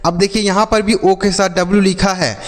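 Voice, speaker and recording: A man's voice: high-pitched, flat delivery, brisk. Man teaching phonics in a reverberant hall. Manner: repeats each word as a call-and-response drill. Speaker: English teacher. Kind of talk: phonics lesson for children.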